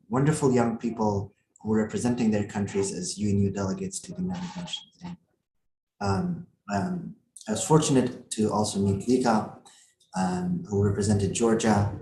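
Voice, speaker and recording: A young man from Afghanistan, co-founder of the network, giving an earnest, halting introduction on a live panel. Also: fairly low pitch, creaky, dark tone, slight background noise. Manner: earnest, halting, with many fillers. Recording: echoey room.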